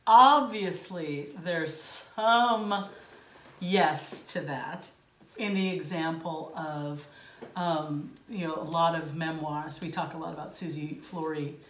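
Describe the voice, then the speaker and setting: A woman's voice: low voice, slow pace. A woman co-hosting a podcast, chatting and teasing her co-host with plenty of fillers. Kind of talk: casual chat. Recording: echoey room, distant from the mic.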